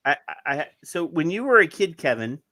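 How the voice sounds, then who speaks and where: A man's voice: a little high, very animated, brisk, pushed and bright. A middle-aged man co-hosting a podcast, chatting casually and sarcastically, often restarting his sentences. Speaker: podcast co-host. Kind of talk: casual chat.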